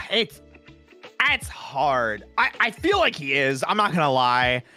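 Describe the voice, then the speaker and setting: A man hosting a casual chat, excitable and playful, quick to agree. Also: mid-range voice, soft background music. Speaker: host.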